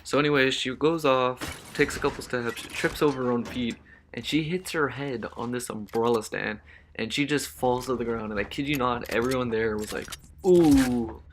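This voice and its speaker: A man's voice: mid-range voice, steady tone, normal speed, a bit bright, slight background noise. A young man casually telling a storytime tale as a vlogger, slangy and emphatic, with stammering restarts.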